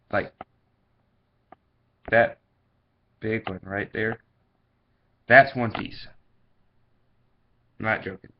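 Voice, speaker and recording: A man giving a casual, chatty product review in vlog style. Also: on the low side. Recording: dull, lo-fi sound.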